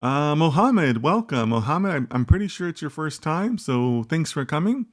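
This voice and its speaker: At a moderate pace and fairly high pitch with big swings, an American man runs a casual data science livestream and responds to viewer comments. His talk rambles as he reasons aloud, often tacking on "right?".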